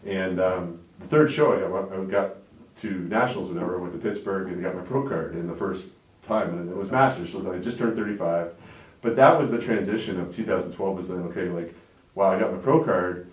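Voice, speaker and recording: Set back from the mic in an echoey room, a Canadian business owner in his forties speaks a little fast in a very deep voice during a casual interview. As a guest he rambles, peppering his talk with "like" and checking in with "right?"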